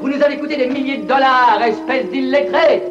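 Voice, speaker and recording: Snobbish, impatient director; high and curt, dull dubbed audio. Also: male voice, brisk, music in the background. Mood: bossy impatience. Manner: curt, bossy, scornful. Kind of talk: dubbed film dialogue. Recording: muffled film soundtrack with faint hiss.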